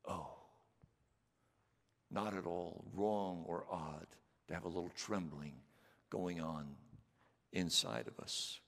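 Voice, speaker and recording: A man's voice: deep voice, steady tone, slow, pauses often, a bit bright. A man preaching a sermon as pastor, earnest and emphatic, repeating his questions to the congregation. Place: church sanctuary. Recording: long church reverb.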